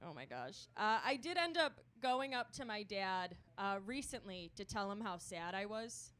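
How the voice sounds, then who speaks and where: Young woman comic on stage, crisp bright voice, dry deadpan dark jokes into a handheld mic. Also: mid-range voice, moderate pace. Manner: deadpan delivery with dark self-deprecating jokes. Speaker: stand-up comedian. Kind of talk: stand-up comedy set. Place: comedy club stage.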